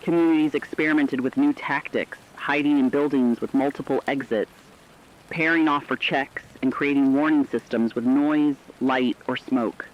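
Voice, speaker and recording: In a grave, measured storytelling style, a man narrates scripted apocalyptic horror. His mid-range voice keeps a fairly even intonation, and the recording sounds muffled.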